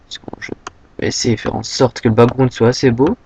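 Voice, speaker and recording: A young man from France giving a casual, rambling software tutorial, full of fillers and a habit of saying "hop" as he clicks. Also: medium pitch, fairly even intonation, a little fast, muffled recording, slight background noise. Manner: rambling, filler-heavy, says "hop" often. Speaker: tutorial maker.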